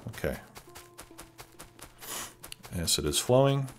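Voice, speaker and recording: A let's play host with a stuffed-up cold casually comments on his gameplay, thinking aloud with plenty of fillers. His mid-range voice moves slowly with big swings in pitch, over background music and keyboard typing.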